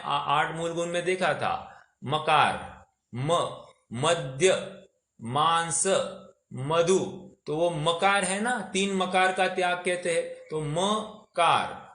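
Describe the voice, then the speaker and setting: A man's voice: a little high, takes it slowly, a bit bright, roomy sound. A man teaching a scripture class, explaining patiently, putting questions to his listeners, and mixing English words into his talk. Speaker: religious teacher.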